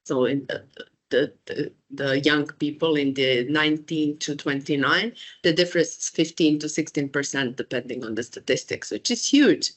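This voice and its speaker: Woman, from Croatia, somewhat low voice, chatty presenter, fillers and restarts. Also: normal speed. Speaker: researcher speaking at a panel. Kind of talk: conversational presentation.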